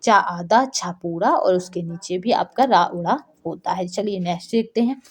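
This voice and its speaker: A woman's voice: lowish voice, normal speed, slightly rough. A woman teaching an exam-prep lesson, working through answers step by step and posing questions she answers herself. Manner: explains step by step, keeps asking and answering her own questions. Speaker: Hindi teacher.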